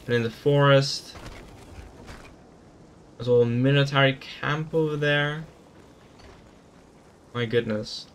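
A man's voice: mid-range voice, steady tone, takes it slowly, pauses often, a little hiss or hum. A man giving casual gameplay commentary, thinking aloud in an easygoing way as he explores a game. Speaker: gaming YouTuber.

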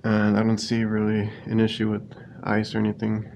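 Male refrigeration tech, plain-spoken and even, gravelly tone, head-cam audio with loud equipment noise. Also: fairly low pitch, moderate pace. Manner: relaxed, plain-spoken, explains as he works. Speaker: refrigeration technician. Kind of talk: casual on-the-job narration. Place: inside a walk-in cooler. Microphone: head-mounted action camera.

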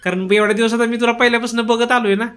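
A man's voice: very high-pitched, flat delivery, rapid-fire, fairly bright tone. Man, comic husband, pleading, giggly. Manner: giggly, pleading, keeps laughing while denying it. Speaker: husband in comedy skit. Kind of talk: comic sketch acting.

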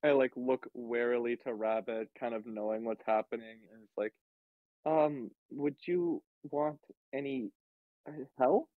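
A man's voice: mid-range voice, measured pace, no room sound. A man playing in a casual tabletop roleplay over an online voice call, speaking hesitantly with a lot of stammering. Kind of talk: casual improvised roleplay chat. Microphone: online group voice call. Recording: tinny, band-limited voice-chat audio.

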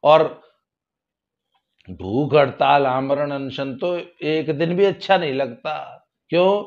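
A man's voice: a little high, takes it slowly, vocal fry, lo-fi sound. Folksy sarcastic man with speech. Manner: folksy, sarcastic, rises loudly for emphasis. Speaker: political commentator. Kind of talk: casual spoken commentary.

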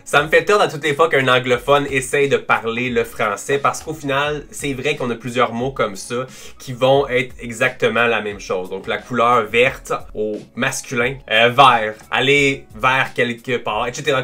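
A man with a Québécois French accent hosting a casual reaction video, chatty and quick to laugh as he explains language quirks. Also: mid-range voice, pushed and bright. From Quebec.

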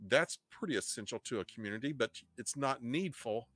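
A middle-aged man with an Ozark Missouri twang hosts an informal online history class. His pitch is average for a man. He explains in a halting way, often repeating and rephrasing, close to the microphone in a dry room. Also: lively intonation, a bit bright, no echo. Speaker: host, history teacher. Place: indoor home studio. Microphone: desk microphone up close, headset on.

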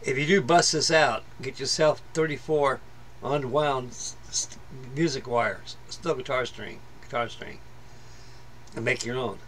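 A middle-aged man speaks at a measured pace in a medium-pitched, somewhat bright voice while giving casual commentary on a model build. Working at a workbench in his home hobby room, he rambles plainly with many fillers and restarts, and there's slight background noise.

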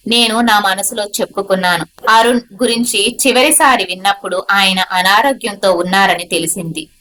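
Woman telling a sad family story, soft and steady, mid pitch. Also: low-quality recording. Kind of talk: first-person story narration.

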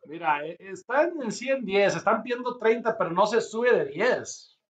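High-pitched man, casual live host. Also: big pitch swings, unhurried. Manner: urging, repeating short phrases. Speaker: host of a live auction stream. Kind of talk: casual live commentary while bidding. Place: small office with a whiteboard. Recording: slightly dull lo-fi stream audio.

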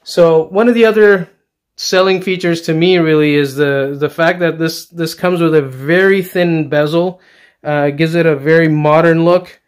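A middle-aged hobbyist vlogger leads a casual, excited tour of his dark basement home theater, filmed on a handheld camera and peppered with fillers and restarts. His voice is a little high, clear, and resonant, with fairly even intonation at a moderate pace.

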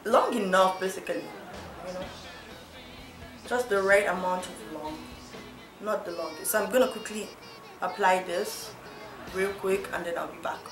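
With a medium-pitched voice and a moderate pace broken by long pauses, a young Nigerian beauty vlogger chats and giggles through her makeup tutorial, teasing herself throughout. The recording has a roomy echo and faint background music.

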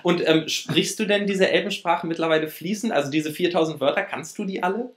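A man's voice: fairly high pitch, fairly quick, echoey room, a little hiss or hum. A middle-aged man hosting a late-night talk show in an effusive, showman-like manner. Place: indoor studio set.

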